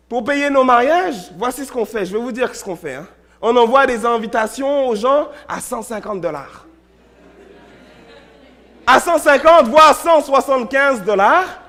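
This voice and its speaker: High-voiced man preaching a storytelling sermon. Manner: storytelling, repeats words, shifts between loud and hushed. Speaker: pastor. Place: church.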